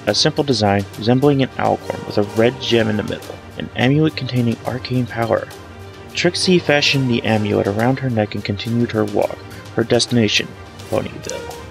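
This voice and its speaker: A man reads a fan fiction story aloud as dramatic scripted narration, his voice creaky and fairly quick. He's recorded on a low-grade home microphone, with soft dramatic music playing underneath as a music bed.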